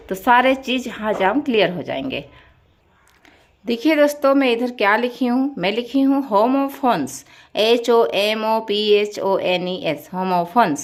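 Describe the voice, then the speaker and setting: A young woman teaching an English lesson. She spells words out letter by letter and asks her class questions, then answers them herself. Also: medium pitch.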